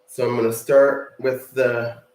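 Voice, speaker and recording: A man's voice: mid-range voice, little pitch movement, darkish tone, echoey room, distant mic, poor audio. A man hosting a hobby channel, casually narrating as he sorts parts at his workbench, with the hiccups. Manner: slow, offhand narration while working with his hands. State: has the hiccups.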